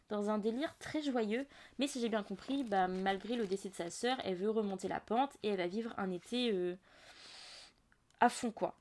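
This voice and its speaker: A woman's voice: medium pitch, darkish tone. A young woman hosting a casual book podcast, chatty and full of asides and fillers. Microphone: audio-only podcast mic.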